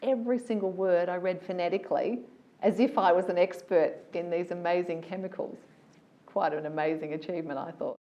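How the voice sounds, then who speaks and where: A woman, a voiceover artist telling stories about her career in a casual, animated, enthusiastic interview. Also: fairly low pitch, a little fast, dull audio.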